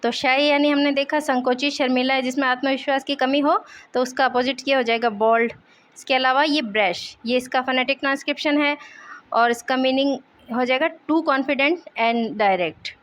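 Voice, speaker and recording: A young woman teaching English vocabulary in Hindi, repeating each word slowly and explaining its meaning. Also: high-pitched, steady tone, a bit bright.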